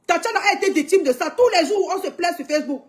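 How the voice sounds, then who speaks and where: A woman's voice: extremely high pitch, expressive, fast talker. A young woman commenting emphatically on a live stream, urging viewers to watch, with frequent cries to God. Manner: exclamatory, calling on God.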